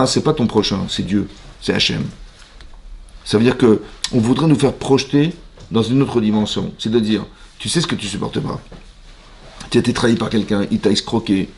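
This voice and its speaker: A rabbi with a French accent teaches a lively Torah lesson in a synagogue, speaking at medium pitch. He asks the audience questions and acts out little dialogues.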